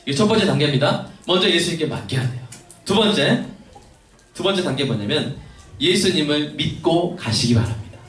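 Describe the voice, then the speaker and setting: Animated man preaching in an echoey church. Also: a little high. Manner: animated, acts out dialogue. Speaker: pastor. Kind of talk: sermon. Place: church sanctuary. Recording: echoey church hall, mic at a distance, faint noise.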